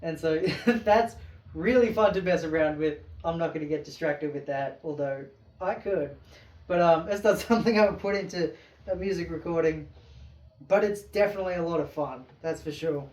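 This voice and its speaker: A man's voice: fairly high pitch, moderate pace, a little mellow, distant mic. A man casually reviewing keytars in his small home studio, rambling and enthusiastic, with many fillers. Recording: roomy studio with keyboard music behind.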